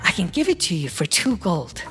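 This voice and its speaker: A game master voicing a haughty halfling woman merchant who delivers a theatrical, drawn-out sales pitch. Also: huge pitch swings, sharp tone, exaggerated voice.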